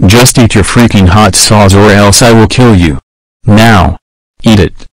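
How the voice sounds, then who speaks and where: A man voicing a furious male horse toy, a hot-headed bully who yells, growls and laughs manically. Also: fairly low pitch, measured pace, dry recording, poor audio.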